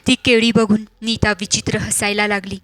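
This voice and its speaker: Bright-voiced woman narrating a horror story. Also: medium pitch, flat delivery, normal speed.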